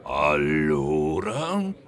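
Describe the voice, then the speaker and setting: A man voicing a menacing male rat pirate innkeeper who roars his threats in a gruff, gravelly voice. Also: a bass voice, huge pitch swings, extremely slow, pitched below the performer's own voice, full character voice. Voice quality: gravelly, growling. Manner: roaring and threatening. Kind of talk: audiobook character voice.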